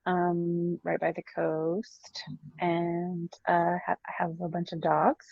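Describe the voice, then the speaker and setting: A woman's voice: lowish voice, monotone, slow pace, vocal fry, no room sound. A woman author being interviewed, chatty and laughing easily, hesitant with ums. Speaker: author guest. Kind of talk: casual interview chat. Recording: slightly muffled dry sound.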